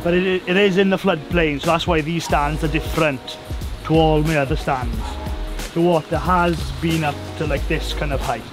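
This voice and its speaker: Over music, a slightly high-voiced Welsh beekeeper in his thirties talks at a moderate pace. It's a casual interview chat, and he's relaxed, repeating words now and then. He appears in a farm kitchen and at a woodland hive site.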